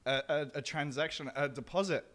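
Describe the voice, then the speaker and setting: A man's voice: a little high, fairly quick, a bit bright. Hesitant man co-hosting a chat show. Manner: hesitant, many ums and repeated words. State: mouth burning from spicy food. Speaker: co-host. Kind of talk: casual chat while eating hot peppers.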